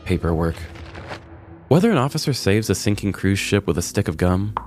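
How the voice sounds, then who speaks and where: Backed by a music bed, a podcast host tells a scripted comedic story with wry, mock-serious flair. His darkish voice sits low and is very animated, moving at a moderate pace.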